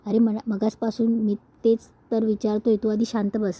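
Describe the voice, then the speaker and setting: A woman's voice: mid-range voice, level tone, moderate pace, dark tone, slightly rough, dry recording, lightly acted. A woman reading a stern irritable police inspector. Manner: curt, ordering, exasperated.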